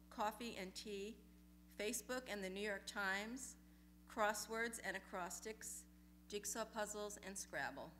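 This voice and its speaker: A woman with a bright, clear voice reads personal essays aloud in a lecture hall, middle-pitched and unhurried. Her delivery is measured and deliberate, letting each phrase settle before the next. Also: a little hiss or hum. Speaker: essay reader at a memorial reading.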